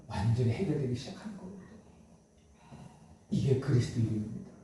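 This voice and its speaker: A man's voice: mid-range voice, brisk, warm tone. A male pastor preaching a Sunday sermon in a church sanctuary, emphatic and full of rhetorical questions to the congregation. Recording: echoey church hall from far off.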